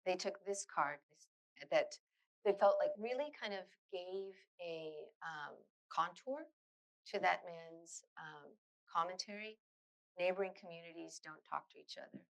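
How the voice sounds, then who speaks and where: A middle-aged woman giving a public lecture in a university auditorium, earnest and thoughtful, often pausing on fillers and restarting phrases. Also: fairly low pitch, creaky, rough recording. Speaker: guest lecturer.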